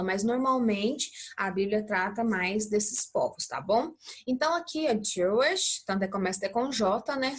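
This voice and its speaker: A woman teacher from Brazil explaining a lesson patiently, often checking in with her students and modeling words slowly. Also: fairly high pitch, fairly bright tone, husky. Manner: models English pronunciation slowly. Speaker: English teacher. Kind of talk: recorded classroom lesson.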